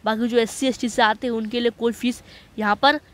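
A man walking viewers through a job notice in a voice-over on a screen recording. He talks in a chatty way, keeps checking that listeners follow, and reads English passages slowly. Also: very high voice, steady tone, a bit bright. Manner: chatty, repeats "okay" to check understanding. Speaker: online job-notice explainer.

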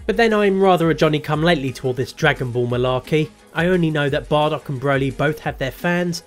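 A man's voice: a little high, fast, soft background music. A man in his thirties hosting a gaming show, delivering scripted comic commentary in a wry, sardonic manner.

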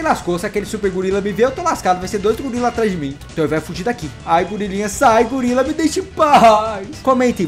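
Excitable man narrating gameplay. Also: sits high. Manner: excitable, animated, talks to viewers and coos at animals. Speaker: gaming channel host. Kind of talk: game commentary vlog.

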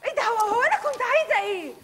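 A woman's voice: very high-pitched, expressive, racing, heavy background noise. An actress playing a bewildered, exasperated young woman customer in a live Egyptian stage comedy, protesting and snapping back. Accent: Egyptian Arabic. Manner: baffled protests, exasperated outbursts. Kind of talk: live stage sketch acting. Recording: live theater stage, long reverb, audience.

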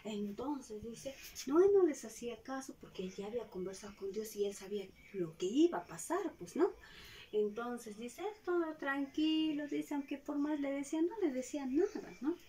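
A woman's voice: high voice, animated, normal speed, warm tone. A woman teaching a preschool class, singing a children's song and then telling a story in a sing-song, affectionate way with frequent tag questions. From Peru. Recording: distant mic with faint noise.

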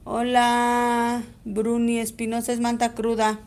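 A woman's voice: a little high, monotone, slow pace, darkish tone. A woman with a Mexican accent gives a chatty live-stream embroidery lesson, greeting viewers by name as she stitches. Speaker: embroidery teacher.

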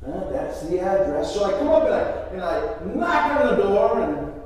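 A man in his fifties, a pastor telling a story sermon in the first person, with dramatic swings in loudness. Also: sits high, sing-song, moderate pace. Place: large church. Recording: echoey church hall from far off.

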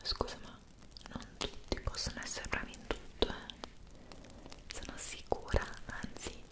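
A young woman voicing a kind, motherly Mrs Claus in an ASMR roleplay, whispering up close and coaxing with gentle questions. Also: a little slow, close to an everyday voice. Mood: caring. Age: young adult. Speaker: ASMR creator. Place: indoor room decorated for Christmas.

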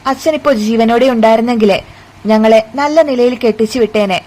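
A woman's voice: fairly high pitch, brisk, a little mellow, natural voice. A woman voicing an indignant young wife defending her family.

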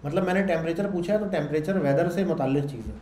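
A man teaches a class in a loud, conversational way, often stopping to check that students are following. His voice sits a little high but sounds mellow and dark. The recording carries the echo of a classroom, with faint noise behind him. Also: racing. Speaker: lecturer. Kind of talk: classroom lecture. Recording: echoey room with faint background noise.

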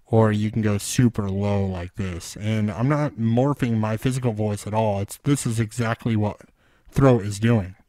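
Man heard through a deep, dark processed effect. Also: moderate pace, no echo. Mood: deadpan. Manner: matter-of-fact demo of a low voice effect. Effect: deepening throat-modeling plugin.

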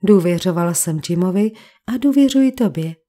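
A woman voicing an angry young woman who insists on answers, sharp and ironic, in a crime audiobook. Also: on the low side, animated, natural voice.

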